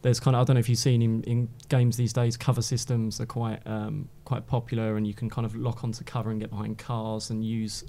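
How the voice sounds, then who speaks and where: A man's voice: lowish voice, flat delivery, brisk, creaky, few pauses, dark tone. A man, a games journalist guest, chatting eagerly in a studio and restarting his phrases often. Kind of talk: casual studio chat. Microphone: studio microphone.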